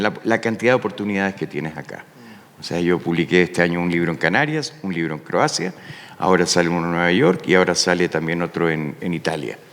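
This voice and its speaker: A Chilean poet speaking on a panel in a musing way, often adding "¿no?" to check in with his listeners. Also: low voice. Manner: reflective, musing, with frequent rhetorical "¿no?". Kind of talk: panel talk. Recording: long hall reverb.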